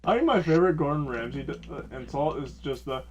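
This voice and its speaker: A man's voice: a little high, lively intonation, fast talker, noisy background. A man hosting a casual podcast chat, rambling with lots of filler words. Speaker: podcast host.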